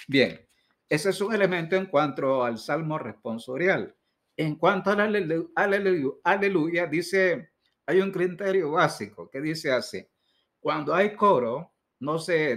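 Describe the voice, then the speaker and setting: A man giving an instructional talk on reading aloud in church, deliberate and direct, slowing down to stress key words. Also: fairly high pitch, fairly bright tone. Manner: direct, addresses listener with advice. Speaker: liturgy instructor.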